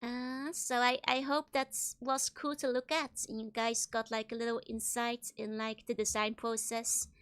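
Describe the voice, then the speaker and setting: A woman livestreamer chatting casually with viewers in a bubbly, giggly, gushing way, with a high-pitched bright voice. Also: little pitch movement, a little slow, few pauses, clean tone. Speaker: streamer, virtual YouTuber host.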